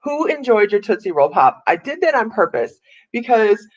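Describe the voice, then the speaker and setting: A woman's voice: a little high, very animated, moderate pace. Chatty laughing woman on a lo-fi stream. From Ohio, USA. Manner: chatty, rambling, laughs often. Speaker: psychic livestream host. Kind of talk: casual live chat. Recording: dull lo-fi livestream audio.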